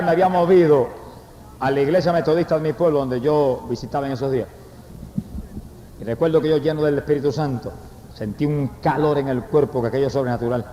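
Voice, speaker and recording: Fervent Puerto Rican preacher in a hall. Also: male voice, on the high side, slight background noise. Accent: Puerto Rican Spanish. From Puerto Rico. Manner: fervent, breaks into loud shouted praise. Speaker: evangelist preacher. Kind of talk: testimony sermon. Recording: echoey hall, dull lo-fi recording.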